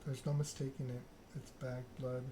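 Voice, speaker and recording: This is ASMR: a man who streams video games reads out the narrative text of a story game. His medium-pitched delivery is flat and measured, in brief phrases, over clearly audible background noise and clicks.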